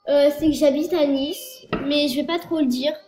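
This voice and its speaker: A woman's voice: high-pitched, normal speed, darkish tone. A girl in her early teens from France, rambling through a casual vlog with lots of fillers and self-corrections, her nose stuffed up from a cold. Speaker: youtuber. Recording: echoey room with faint noise.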